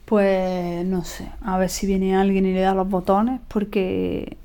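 A woman's voice: medium pitch, level tone, slow, warm tone, clean tone. Wry woman on a podcast. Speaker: podcast co-host. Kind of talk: casual chat.

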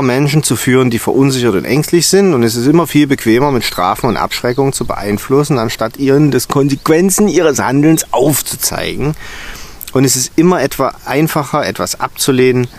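A man narrating a first-person story in a lively, expressive way, with muttered asides to himself. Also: mid-range voice.

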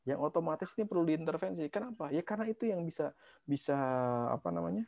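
A man's voice: fairly high pitch, fast talker, vocal fry, mellow, no room sound, dull audio. A man working as a psychologist, explaining in casual interview talk, with frequent fillers, restarts and rhetorical questions.

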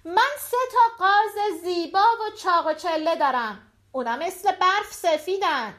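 A woman's voice: sits high, big pitch swings. A woman voicing a kind, hopeful young boy in a storybook, eager and calling out.

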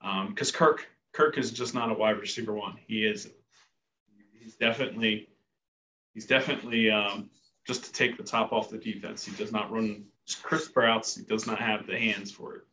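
A man's voice: lowish voice, steady tone, normal speed, pushed and bright, slight background noise. A man co-hosting a casual sports podcast, giving plain, firm opinions. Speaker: podcast co-host. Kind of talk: casual fantasy football chat.

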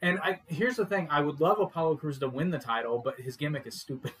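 Man, casual podcast co-host, joking and animated, laughs a lot, faint background hiss. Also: a little high, quick pace, rough recording. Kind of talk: casual wrestling chat.

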